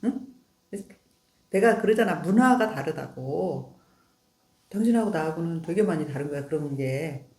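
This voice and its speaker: A woman's voice: low voice, normal speed, a little mellow. A middle-aged woman in a casual talk with her husband, teasing, laughing often and asking "응?" to check he follows. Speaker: wife in a couple's talk. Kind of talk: casual chat. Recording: roomy echo.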